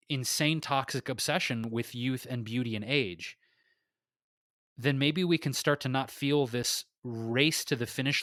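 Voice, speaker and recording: A man's voice: mid-range voice, fairly bright tone, dry recording, clean studio sound. A man co-hosting a podcast, talking in a heated, restless way with lots of swearing and repeated restarts. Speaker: podcast co-host. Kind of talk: impassioned casual podcast talk.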